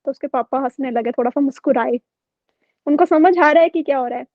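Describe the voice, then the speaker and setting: A woman's voice: high-pitched, fairly quick, no room sound, highs cut off. A woman teacher telling a story to her online class in a chatty way, often checking in with her students. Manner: chatty, keeps checking with "okay?".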